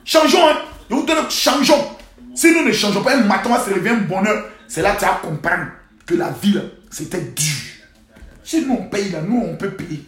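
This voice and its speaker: Man, high-pitched, preachy live-stream scold, phone mic in an echoey room. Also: animated, fairly quick. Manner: preachy, scolding rants with loud outbursts and sudden quiet asides. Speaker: livestream host. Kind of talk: live social-media monologue. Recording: roomy echo.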